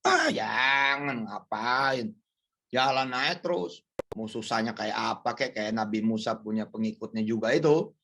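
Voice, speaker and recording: Joking preacher man. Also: mid-range voice. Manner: lively, jokey, acts out quoted people in a raised voice. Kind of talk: casual, joking sermon.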